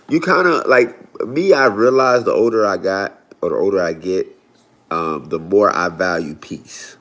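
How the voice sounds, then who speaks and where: Talking to his livestream audience, this Floridian host in his forties keeps things loose and chatty, full of "y'all" and "right?". His voice sits low, with a fairly bright tone.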